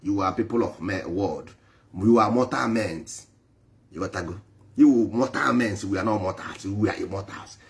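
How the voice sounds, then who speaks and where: His voice sits on the low side and sounds creaky, at a normal speed. The traditional spiritual speaker addresses a live online audience emphatically, repeating himself for force and alternating between English and Igbo.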